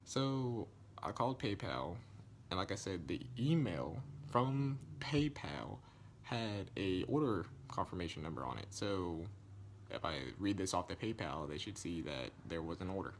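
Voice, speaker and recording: A young man telling a casual storytime vlog, slangy and animated, acting out the quoted lines. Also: measured pace, slight background noise. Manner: animated, acts out quoted lines, rises in pitch when indignant; loose slangy speech with many likes and restarts. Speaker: vlogger.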